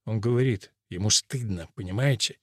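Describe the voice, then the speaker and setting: A man reading an audiobook, voicing a troubled male chauffeur who complains and moans in a hushed voice. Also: fairly low pitch, moderate pace, husky, dry recording, studio quality. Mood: plaintive. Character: troubled male chauffeur confiding in a woman, plaintive.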